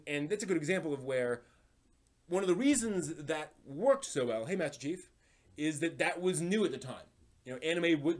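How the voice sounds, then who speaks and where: In a mid-range voice, a man hosts a live stream in a casual, chatty way, often halting and repeating words as he thinks aloud.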